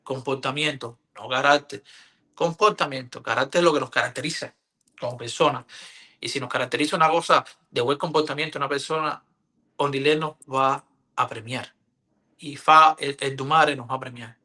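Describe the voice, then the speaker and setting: Guy teaching on a live stream, forceful bright voice, repeats the key words. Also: medium pitch, moderate pace.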